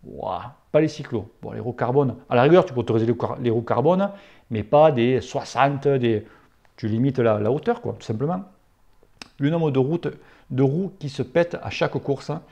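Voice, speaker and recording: A man's voice: medium pitch, moderate pace, vocal fry, warm tone, muffled recording. A man hosting a casual cycling Q&A, talking in a blunt, familiar and outspoken way with crude slang. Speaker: cycling channel host answering viewer questions. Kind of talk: casual spoken Q&A.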